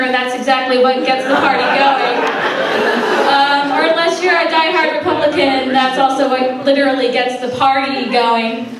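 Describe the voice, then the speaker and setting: A young woman performing a stand-up set at a college open mic, deadpan and hesitant with many ums, recorded from a distance in a roomy hall with an audience. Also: sits high, heavy background noise. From Sri Lanka. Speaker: stand-up comic.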